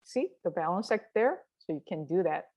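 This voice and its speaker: A woman's voice: lowish voice, expressive, normal speed, a little mellow, low-quality recording. A woman from Korea, giving a chatty, encouraging cooking tutorial and often asking "right?". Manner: chatty and encouraging, asks frequent rhetorical "right?". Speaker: health and cooking vlogger.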